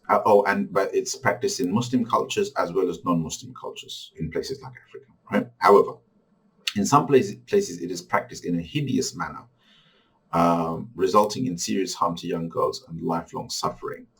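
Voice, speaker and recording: Low husky man teaching from a distance. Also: fairly bright tone. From Bangladesh. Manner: halting, many restarts and fillers. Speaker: religious teacher. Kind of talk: recorded course lecture.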